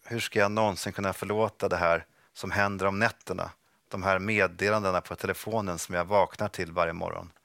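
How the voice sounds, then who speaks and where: A man reading a first-person passage from his own book aloud, slow and restrained, over a video call. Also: deep voice, fairly even intonation, creaky, fairly bright tone, dry recording, studio quality.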